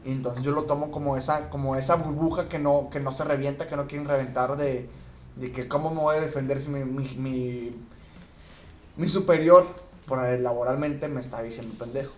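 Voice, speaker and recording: A man's voice: mid-range voice, fairly even intonation, fairly quick, a little hiss or hum. Slangy Mexican man in an echoey room. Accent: Mexican Spanish. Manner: slangy, swears freely, frequent restarts. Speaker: podcast co-host. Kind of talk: casual chat.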